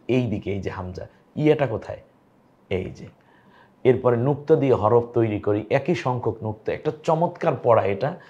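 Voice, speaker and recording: A man's voice: lowish voice, muffled recording. A man teaching in a recorded online lesson, patiently asking questions and then answering them himself. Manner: patient, asks and answers his own questions. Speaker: Quran teacher.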